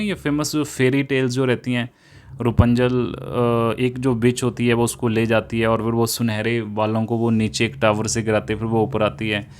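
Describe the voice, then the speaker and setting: Man explaining poetry patiently. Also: medium pitch. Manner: explains patiently, repeats phrases, reads English lines slowly. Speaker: English teacher. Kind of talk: classroom lesson explanation.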